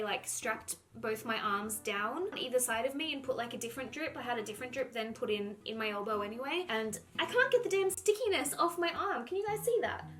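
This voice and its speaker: Chatty young woman, filler-heavy. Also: fairly high pitch. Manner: chatty, animated, says "like" a lot. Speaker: vlogger. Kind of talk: casual storytelling to camera.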